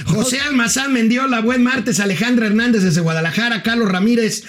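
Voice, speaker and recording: A man's voice: very high-pitched, a little fast, crowd noise. A man hosting a casual finance live stream, teasing his co-host and reading out viewers' greetings and questions.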